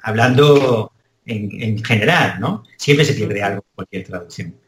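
A man's voice: lowish voice, animated, measured pace, roomy sound, a little hiss or hum. A man from Spain with a Spanish accent, a translation professor answering interview questions thoughtfully, with hesitant restarts. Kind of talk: conversational interview.

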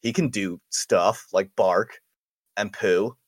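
A man's voice: lowish voice, slow pace, husky, dry recording, studio quality. A man hosting a casual podcast, rambling, laughing often and swearing freely. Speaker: podcast host. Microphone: studio microphone.

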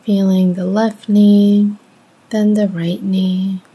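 Speaking softly and very slowly, a woman leads a meditation in a mellow, slightly breathy mid-range voice. Her gentle, measured phrases are short and flatly delivered, with long pauses between them. The recording quality is low.

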